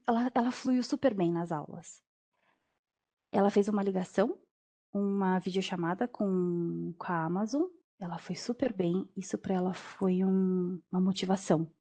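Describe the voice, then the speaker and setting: A young adult woman speaks as a language teacher in an interview, recounting a personal story. She tells it with energy and acts out the back-and-forth, slipping into quoted voices at a medium pitch. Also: mellow.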